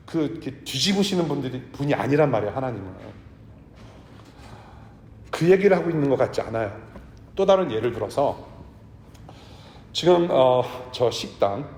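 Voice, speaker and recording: A man preaching a sermon to his congregation in a church, talking in a conversational way and sometimes dropping to a hush. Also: mid-range voice. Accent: Korean with English words mixed in. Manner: conversational preaching, drops to a hush for tender lines. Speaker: pastor. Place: church sanctuary. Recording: echoey church hall.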